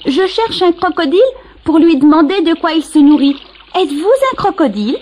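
A woman's voice: very high-pitched, expressive, a little fast, noisy background, pitched above the performer's own voice. A woman voicing a curious, naive young boy elephant in a storybook cassette, polite and wide-eyed.

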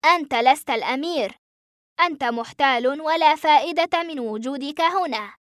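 A woman's voice: high voice, moderate pace, a bit bright, no echo, clean studio sound, pitched above the performer's own voice. A woman voicing a cold, ruthless male rebel general who gives curt orders. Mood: cold commanding. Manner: curt, commanding.

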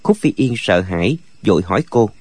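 A man reading a martial-arts novel aloud as a narrator, with expressive storytelling. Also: fairly low pitch, a little fast, slightly rough, no echo. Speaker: audiobook narrator. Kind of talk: scripted narration.

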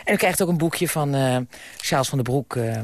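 Hesitant, chatty male night DJ, animated pitch. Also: a little fast. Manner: hesitant, many uhs, chatty. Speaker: radio host. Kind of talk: late-night radio presenting. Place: radio studio.

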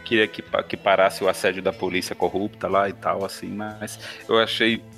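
A man's voice: sits low, level tone, moderate pace, a bit bright, soft background music. A man co-hosting a casual comics podcast, giving opinions with hesitant restarts. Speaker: podcast co-host.

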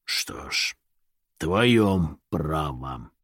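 A man voicing a gloomy, low disembodied voice from nowhere, speaking slowly in an audiobook-style story. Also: lively intonation, husky, no echo, studio quality, full character voice. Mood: ominous. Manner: dark, low and slow, warning.

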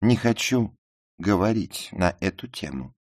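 A man's voice: sits low, animated, measured pace, a little mellow, no room sound, clean studio sound, pitched above the performer's own voice. A man reading a story aloud and voicing a proud, touchy young woman in a raised, affected girlish tone. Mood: haughty. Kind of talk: audiobook character voicing.

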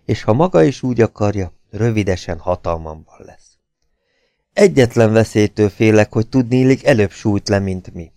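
A man reading the part of a shrewd, commanding male detective in an audiobook, urgent and often hushed. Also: fairly low pitch, expressive, no room sound, studio quality. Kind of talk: audiobook character voice.

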